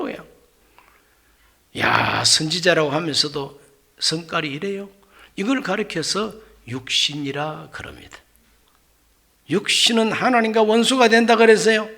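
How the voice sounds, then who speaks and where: A middle-aged male pastor preaching a sermon, acting out dialogue with loud exclamations and quiet asides. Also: fairly high pitch, vocal fry, husky.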